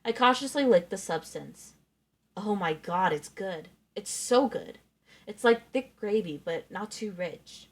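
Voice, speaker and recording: A woman reading a novel aloud in first person, expressively acting out the narrator's thoughts. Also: on the low side.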